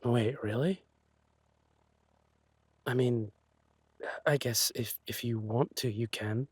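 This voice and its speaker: A man playing an insecure, lovesick thief boyfriend in a romantic audio role-play, speaking haltingly and tenderly. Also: medium pitch, fairly even intonation, slightly rough, no echo. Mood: wistful, gentle. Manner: hesitant, halting, sighing delivery.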